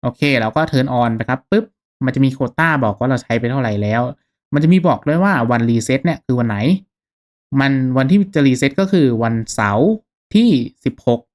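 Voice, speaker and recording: Walking viewers through software one step at a time, this tutorial host speaks in a mid-range voice with a relaxed, informal teaching style.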